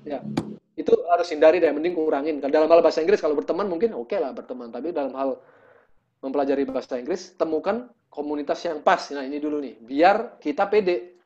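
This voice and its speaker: A man, a musician and guest, chatting casually over a video call in a lively storytelling way, acting out what people said. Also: on the high side, fast talker, dull audio. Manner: lively storytelling, acts out quotes.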